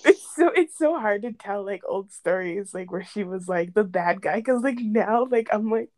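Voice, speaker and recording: A woman's voice: medium pitch, lively intonation, normal speed, a little mellow. A young woman co-hosting a podcast, chatting casually with frequent laughs and fillers. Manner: laughs often, many fillers. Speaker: podcast co-host. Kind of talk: casual storytime chat.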